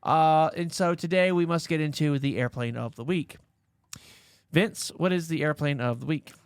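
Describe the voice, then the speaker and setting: A man hosts a podcast, his voice sitting a little high for a man. He rambles and jokes with mock seriousness. The sound is close and dry. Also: moderate pace, clear, resonant tone, no room sound. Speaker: podcast host. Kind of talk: casual podcast chat.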